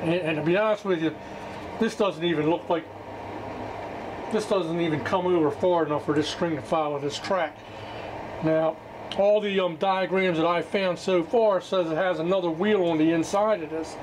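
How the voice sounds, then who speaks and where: Working through a repair on camera, a man with a somewhat high voice chats in an unscripted, down-home way, his words coming out haltingly and plainly. He restores radios as a hobby, and his amateur video has obvious background noise.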